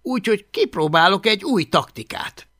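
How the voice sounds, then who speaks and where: A man's voice: high voice, lively intonation, dry recording, clean studio sound, pitched above the performer's own voice. Hablaty, a man doing a frazzled viking boy. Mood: exasperated. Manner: nervous, pleading, then yelling. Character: anxious, exasperated young viking boy.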